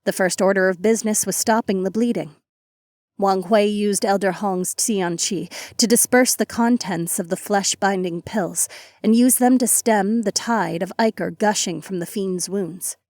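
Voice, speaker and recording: A woman narrating a fantasy audiobook in an even, measured storytelling voice. Her pitch sits in the middle and the recording is dry and close. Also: dry recording. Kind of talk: scripted narration.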